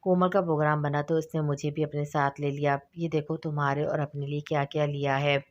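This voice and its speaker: A woman's voice: deep voice, level tone, fairly quick, lo-fi sound, natural voice. A woman reading a novel aloud and voicing a young wife who answers her husband in a plain explaining tone. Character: young wife, defensive but soft.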